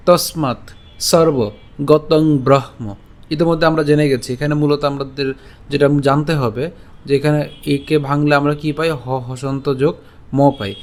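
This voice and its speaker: A man giving a recorded scripture lesson, explaining pronunciation step by step and reciting verses in a slow, deliberate chant. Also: on the high side. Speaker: religious teacher.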